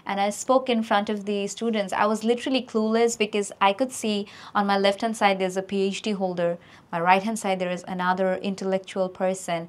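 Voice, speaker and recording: An actress answers speaking-test questions in an earnest, heartfelt, rambling manner. She speaks very slowly, at a middle pitch. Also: steady tone.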